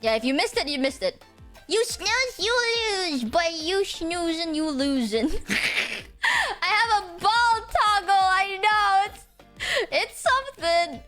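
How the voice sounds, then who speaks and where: A woman hosts a casual live stream in an extremely high, sing-song, bright voice that is slow and forceful, with soft background music behind her. She chats to viewers in a cute, playful, teasing anime-streamer style, giggly and exclamatory.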